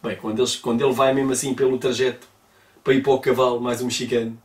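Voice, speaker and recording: A man's voice: medium pitch, little pitch movement, very fast. Slangy man recapping a film. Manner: colloquial, slangy, acts out the scenes. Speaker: film reviewer. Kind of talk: casual scene-by-scene film retelling. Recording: roomy, distant mic.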